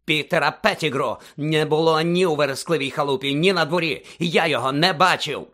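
A man's voice: a little high, fairly quick, pushed and bright, voice pushed up. A man voicing a cold, sneering male professor who snaps and scoffs. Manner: sneering, snapping.

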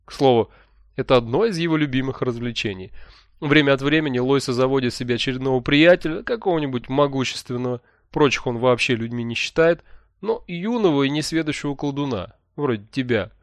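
A man's voice: medium pitch, a little fast, dry recording, clean studio sound, lightly acted. A man reading an audiobook who voices a cheerful, smug male sorcerer mentor, talking in a breezy, jovial way. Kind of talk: audiobook character voice.

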